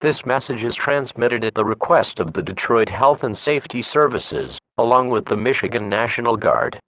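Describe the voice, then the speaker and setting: A synthetic male voice of middling pitch reads a formal emergency broadcast announcement, entirely scripted. The delivery is measured and flat, with a dry, close sound and no room ambience.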